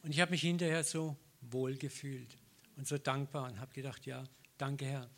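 A man's voice: medium pitch, normal speed, creaky. A middle-aged man preaching a sermon, telling personal stories with acted-out dialogue and frequent laughter. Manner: lively storytelling, acts out dialogue, laughs often.

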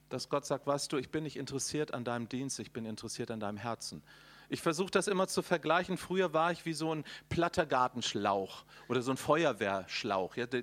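Animated middle-aged man preaching. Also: on the high side. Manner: animated, folksy, with sound effects and direct address. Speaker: preacher and conference speaker. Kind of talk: charismatic sermon.

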